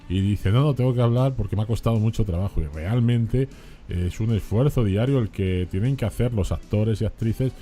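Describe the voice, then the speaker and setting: A man hosting a Spanish-language radio show, talking in a relaxed, conversational way with frequent restarts. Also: low voice. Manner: conversational, hesitant with many restarts. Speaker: radio host. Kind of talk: casual radio talk.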